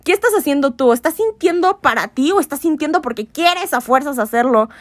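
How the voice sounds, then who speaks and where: A woman's voice: high voice, brisk, no echo. A young woman, chatting casually on a podcast and acting out quoted voices. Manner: animated, laughs often, acts out quoted voices. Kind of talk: casual chat.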